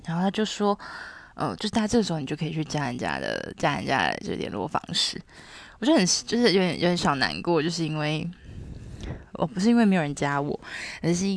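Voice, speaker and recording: A woman's voice: low voice, vocal fry. A young adult woman, hosting a late-night confessional storytelling show, candid and blunt, swearing freely. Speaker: podcast host.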